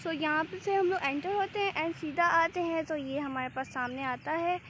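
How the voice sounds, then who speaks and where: A woman with a hoarse throat, chatting casually on a walking vlog in a park. She mixes English words into her talk and sounds a little shy. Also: extremely high pitch, normal speed. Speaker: vlogger. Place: outdoor city park. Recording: noisy outdoor phone recording. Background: open-air park ambience.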